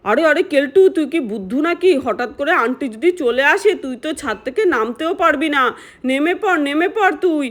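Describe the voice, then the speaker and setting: A woman's voice: high-pitched, a little fast. A woman voicing a bossy older girl in a doll-play story. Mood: scolding. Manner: bossy, excited.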